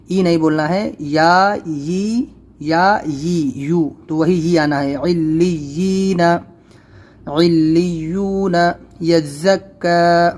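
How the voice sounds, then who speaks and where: A man teaching Quran reading, spelling out each letter and vowel slowly and drawn out, then explaining the rules in quick everyday speech. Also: on the high side, darkish tone. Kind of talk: spelled-out recitation lesson.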